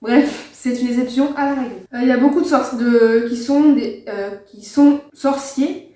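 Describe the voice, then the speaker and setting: A woman's voice: sits high, steady tone, normal speed, warm tone. A woman hosting a casual chat, hesitant and full of "euh" fillers, laughing now and then. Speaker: host. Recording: echoey room, distant mic.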